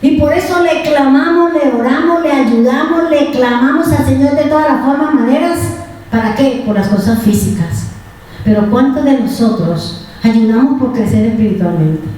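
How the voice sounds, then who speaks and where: A woman's voice: sits high, normal speed, mellow. A woman preaching a sermon, emotional and pleading, asking the congregation rhetorical questions. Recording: echoey church hall from far off.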